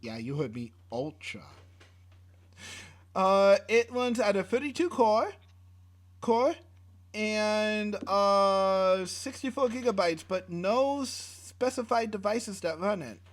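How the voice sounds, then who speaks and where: Animated and high-pitched, this man talks at a slow pace as co-host of a casual tech podcast. He reads specs in an easygoing way with lots of fillers and restarts, swearing mildly.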